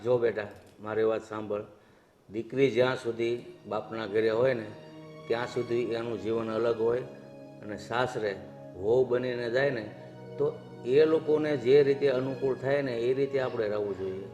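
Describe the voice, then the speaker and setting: A man's voice: mid-range voice, steady tone, moderate pace, a little mellow, close to an everyday voice. A man playing a stern, worried middle-aged father who lectures his daughter about married life in a short family drama. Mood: lecturing. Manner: lecturing, weary. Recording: dull lo-fi sound with music.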